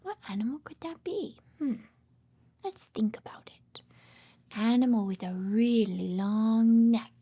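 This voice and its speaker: A little high and a little slow, her warm, husky voice comes through dull audio with no echo. The woman, a speech therapist and children's read-aloud host, reads an interactive picture book to toddlers, singing her lines, repeating words for fun, and gasping and whispering.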